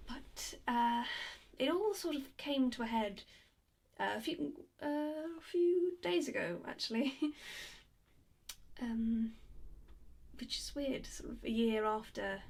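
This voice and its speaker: A young woman, narrating her own strange story in a nervous, self-deprecating monologue with many halting fillers. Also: a little high, animated, creaky, a little mellow. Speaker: narrator and lead character. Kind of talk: first-person dramatic monologue.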